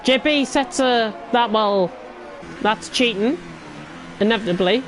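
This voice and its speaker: A woman's voice: a little high, a little slow, over music. A woman giving live motorsport commentary, calling the racing action as it happens. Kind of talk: live motorsport commentary of an online league race. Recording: clear background noise.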